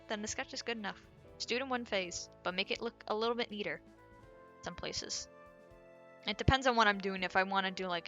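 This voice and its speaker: A woman streamer talks casually while drawing, rambling, thinking aloud and muttering to herself. Her medium-pitched voice sounds pushed and bright, with the highs cut off. Faint music plays in the background.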